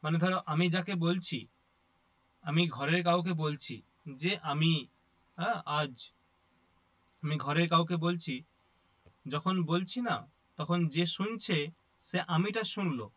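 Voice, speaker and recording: A man with a fairly high, somewhat bright voice speaks slowly and pauses often, and the recording sounds muffled. He is a Sanskrit teacher giving an explanatory lecture to a class, going step by step and frequently asking "ঠিক আছে?" to check that listeners follow.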